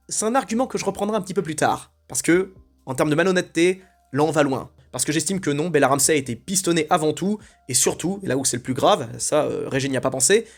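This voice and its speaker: A man delivering an opinionated commentary monologue in a blunt, indignant way, rambling and hesitating often. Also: a little high. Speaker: video commentator.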